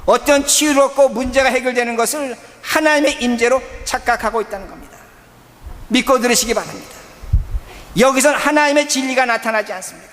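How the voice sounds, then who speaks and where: Male pastor, emphatic sermon style, repeats phrases, brisk delivery. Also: extremely high pitch, a bit bright. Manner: emphatic, repetitive declarative preaching. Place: church sanctuary. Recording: long hall reverb.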